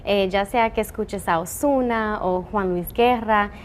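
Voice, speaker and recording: A woman's voice: mid-range voice, a little slow, a little hiss or hum. A woman from the Dominican Republic, an engineer, answering interview questions earnestly with many "eh" fillers. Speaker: telescope operations engineer.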